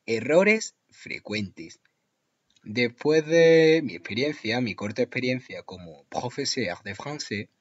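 Slow, husky man teaching French. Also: medium pitch, muffled recording. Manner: slow, drawn-out model pronunciations with repetition. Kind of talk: language lesson.

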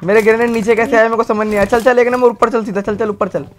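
Male gamer, rapid teasing banter, game music up front. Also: high voice, steady tone. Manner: cheeky, teasing, flirty banter. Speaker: gamer streamer. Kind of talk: playful teasing game chat. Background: game music and vehicle sounds.

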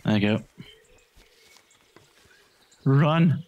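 A man's voice: mid-range voice, lively intonation, extremely slow, a little mellow, lo-fi sound. A man hosting a let's-play, giving casual, crude running commentary full of swearing and jokes. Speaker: gaming channel host.

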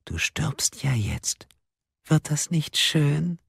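A man voicing a deranged, gleeful woman kidnapper in an audiobook, with shrill giggling and sing-song menace. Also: lively intonation, normal speed, dry recording, natural voice. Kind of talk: audiobook character voice.

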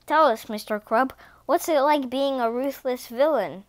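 A woman's voice: sits high, measured pace, no echo. A woman doing a chirpy TV reporter. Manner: newscaster delivery. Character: chirpy female TV news reporter.

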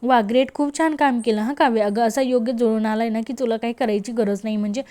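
A blunt young woman friend voiced by a female reader scolds and presses hard with questions. Her voice sits fairly high with a mellow warmth. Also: steady tone, fast talker, close to an everyday voice. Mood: scolding.

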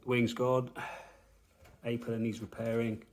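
Walking around an old car in his indoor garage workshop, a channel host and car restorer from England, in his forties, comments plainly with dry understatement. His medium-pitched voice is flat and a little slow, with background noise present.

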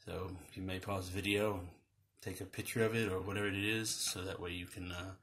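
A man casually reviewing a toy as he unboxes it, talking in a relaxed, rambling way with many fillers and restarts. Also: deep voice, brisk, a little hiss or hum.

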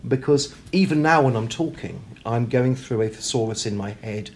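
In a casual interview conversation, a British guest's mid-range, darkish voice moves at a moderate pace. He talks freely and modestly at his own expense, hesitating and repeating words, and the room ambience and background noise are clear.

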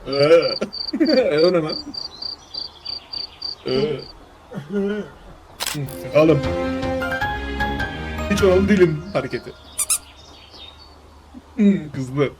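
A man streaming a game, commenting casually with wry asides that turn loud and excited. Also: fairly high pitch, drawn-out words, pauses often. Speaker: gameplay streamer. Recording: game music playing behind.

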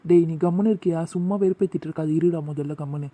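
A woman voicing a calm, scolding schoolboy. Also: fairly low pitch, rapid-fire, natural voice. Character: level-headed teenage schoolboy. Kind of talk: cartoon voice acting.

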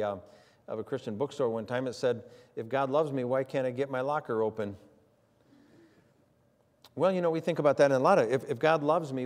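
A man's voice: mid-range voice, a little mellow. Older man preaching in an echoing church. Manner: folksy storytelling with many fillers. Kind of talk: sermon. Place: church sanctuary. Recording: long hall reverb in a church.

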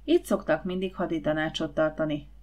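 A woman narrating a children's novel as an audiobook, in a calm, even storytelling manner. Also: sits low.

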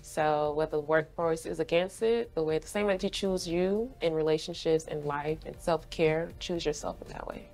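A brand ambassador guest, a young adult woman from Haiti who was raised in Florida, answers interview questions bubbly and laughing frequently in an indoor studio. She speaks in a low, gravelly, slightly mellow voice at a moderate pace with hardly any pauses, and soft music plays behind her.

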